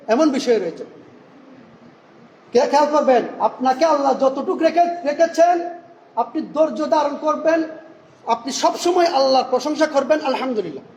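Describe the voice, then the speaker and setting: A man delivering a Friday sermon in a mosque, asking rhetorical questions and answering them himself, and reciting Arabic phrases slowly and carefully. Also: very high voice, a little mellow. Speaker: preacher. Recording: echoey hall reverb, faint room noise.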